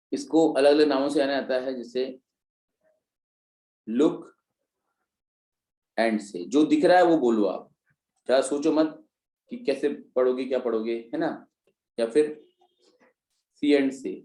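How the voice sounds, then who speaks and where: A man's voice: medium pitch, warm tone, roomy sound, rough recording. A man teaching an exam-prep class in speech, explaining step by step and often checking in with his students. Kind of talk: classroom lecture.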